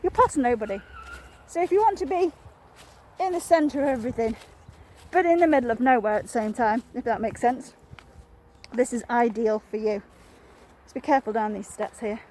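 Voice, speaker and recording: A woman's voice: fairly high pitch, normal speed, pauses often, a little mellow, a little hiss or hum. A woman estate agent giving a chatty, enthusiastic walk-through tour of a house, a bit out of breath from wearing a mask, recorded on a handheld phone. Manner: chatty and enthusiastic, addresses viewer directly. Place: house and garden, indoors and outdoors.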